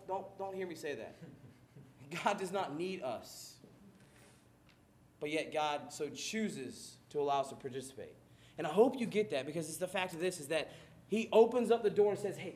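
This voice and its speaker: High-voiced, laughing preacher man. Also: roomy sound, slight background noise. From Maryland, USA. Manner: animated, self-deprecating, laughs often. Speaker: pastor. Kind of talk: sermon.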